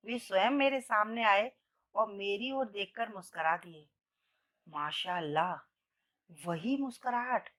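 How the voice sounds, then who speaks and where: A woman storyteller narrating a first-person romantic story in an expressive, emotional reading. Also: mid-range voice.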